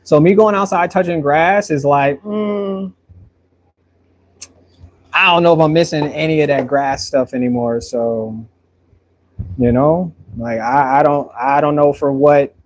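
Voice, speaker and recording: While painting on a casual live stream, a man in his thirties talks with viewers and answers them at a moderate pace. For a man, his voice runs a little high. He's friendly and rambling, often repeating words as he figures out what comes next.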